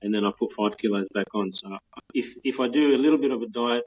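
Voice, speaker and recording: A husky Australian man in his 40s, a patent office trainer, is a guest in a casual interview over a video call. He talks fast in a mid-range voice, relaxed and rambling, with many restarts and soft laughs. The recording quality is low.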